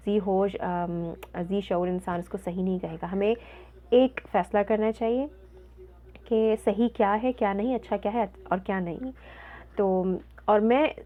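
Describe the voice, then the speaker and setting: A woman with a Pakistani Urdu accent hosting her own channel, giving an earnest, indignant opinion monologue with frequent hesitations. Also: medium pitch. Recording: tinny phone-like sound.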